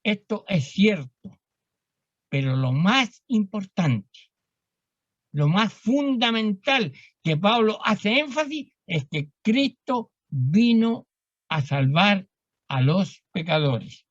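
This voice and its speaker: A woman preaching a Sunday sermon in a church, slow and deliberate, repeating key phrases for emphasis. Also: medium pitch, lively intonation, dry recording, muffled recording.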